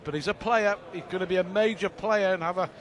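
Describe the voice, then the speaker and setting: Male sports commentator, high-pitched, analytical and chatty, working over a clearly audible arena crowd. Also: fast. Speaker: darts commentator.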